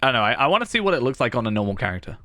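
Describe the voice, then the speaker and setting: A man's voice: mid-range voice, very animated, rapid-fire, bright, forceful tone, dry recording. A man giving casual commentary on a game he plays, rambling and musing aloud. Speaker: gaming video host.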